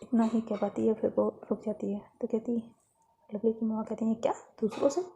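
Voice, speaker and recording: A woman narrating a romantic story episode in a plain, unhurried retelling. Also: on the high side, flat delivery, creaky, dark tone, breathy edge, lo-fi sound.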